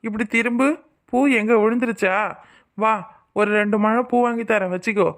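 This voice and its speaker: A cocky young husband from a cartoon, voiced by an actor, full of bragging and joking banter. His pitch sits in a middle range, and he teases his wife freely. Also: steady tone, moderate pace, fairly bright tone, natural voice. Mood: playful. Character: boastful young husband, playful and teasing. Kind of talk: cartoon voice acting.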